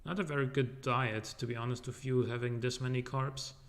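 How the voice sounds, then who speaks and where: A man's voice: medium pitch, fairly even intonation, a little fast. Man, game streamer, casual rambling commentary, joking, lots of fillers, big empty-room echo. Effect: echo from a large empty room. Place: large empty living room, indoors.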